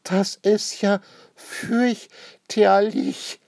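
A man doing a shrill, fussy rich lady. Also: animated, darkish tone, no room sound, clean studio sound, natural voice. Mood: shrill dismay. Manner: high, drawn-out wailing. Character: shrill upset wealthy lady homeowner.

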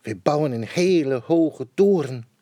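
A man's voice: a little high, measured pace, no echo, pitched above the performer's own voice. A man reading aloud, voicing an eager, earnest little male bear cub in a children's storybook. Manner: earnest, wishful, excited.

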